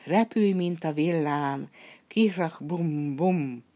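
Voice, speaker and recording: A woman voicing a tired, stern old knight in a storybook reading, speaking slowly and with emphasis. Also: low-pitched. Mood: commanding.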